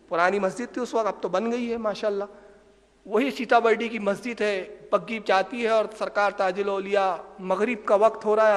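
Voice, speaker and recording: A man with a high-pitched voice tells a story as a sermon, animated and given to sudden emphatic bursts. His voice rings through a hall with a long, trailing reverb. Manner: animated, swells to emphatic loud passages. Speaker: preacher.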